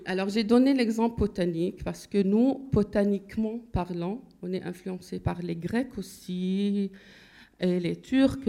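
Gravelly-voiced woman lecturing on linguistics. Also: mid-range voice, dark tone. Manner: explanatory, thinks aloud while searching for terms.

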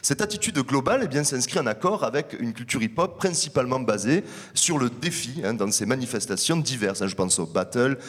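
A man's voice: mid-range voice, animated, breathy edge. Man lecturing in a reverberant hall. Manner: measured, explanatory delivery. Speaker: researcher presenting findings. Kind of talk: academic conference talk.

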